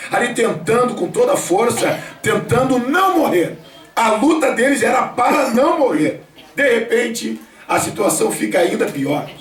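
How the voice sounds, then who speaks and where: A man, preaching a sermon at a home worship gathering and speaking directly to his listeners. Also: very high voice. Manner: storytelling, addresses listeners directly. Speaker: pastor. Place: home, gathering of family and church members. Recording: echoey room, voice from a distance.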